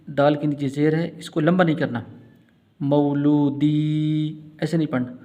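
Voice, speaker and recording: A man teaching Quran recitation, chanting verses melodically and then explaining pronunciation rules in quick plain speech. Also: a little high. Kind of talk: tajweed lesson, recitation with explanations. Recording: dull lo-fi sound.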